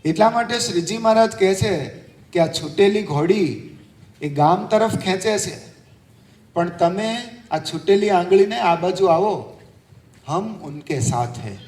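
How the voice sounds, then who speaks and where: High-voiced monk telling a sermon parable. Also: male voice, expressive, unhurried, echoey room. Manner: narrates a parable, briefly acting out a child's and a father's lines. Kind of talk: storytelling sermon.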